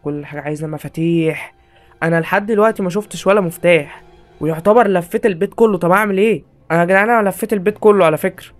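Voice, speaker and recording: A young Egyptian man with an Egyptian Arabic accent, commentating a horror game and yelling at the characters in a panicky, exasperated way. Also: sits high, very fast, faint music behind. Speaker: gaming YouTuber.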